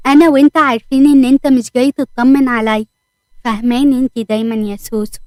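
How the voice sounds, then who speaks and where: A woman's voice: sits high, fairly even intonation, quick pace, darkish tone, no echo, lightly acted. A woman with an Egyptian accent voicing a scheming young male cousin who talks smugly and teasingly. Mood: mocking. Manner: smug, teasing.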